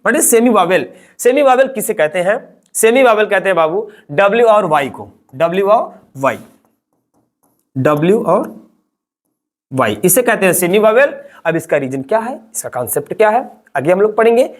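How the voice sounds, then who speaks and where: A man's voice: high-pitched, sing-song, moderate pace. A man teaching a beginners' English lesson in Hindi, drilling letters one by one, asking questions and answering them himself, and calling his listeners children. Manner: calls listeners children and uses friendly address. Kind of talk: classroom-style online lesson.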